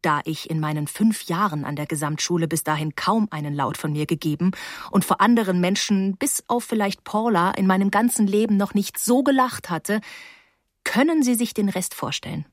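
A woman reading first-person narration for an audiobook in a lively, wry storytelling manner. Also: medium pitch, normal speed, dry recording, clean studio sound.

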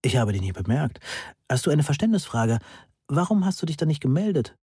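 A cool, aloof math lecturer in a German audiobook, polite on the surface and distant underneath, read by a male narrator. The voice is dark and husky. It sounds dry and close to the mic. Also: on the high side, sing-song, brisk, dry recording, pitched above the performer's own voice, full character voice. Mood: politely surprised.

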